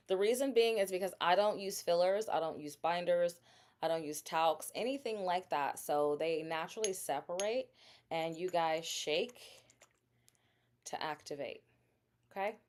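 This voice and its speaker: A bath-product livestream host with a fairly low, slightly mellow voice chats casually with her audience. She speaks to viewers directly and quizzes them about the products she's selling.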